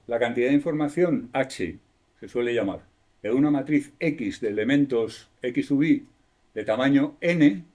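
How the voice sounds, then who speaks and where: A male university lecturer with a Spanish accent talks through a classroom lesson. His voice is mellow and dark, at an ordinary middle pitch. He explains patiently, keeps checking in with the class, and rephrases himself mid-sentence. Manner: explanatory, asks the class questions, self-correcting.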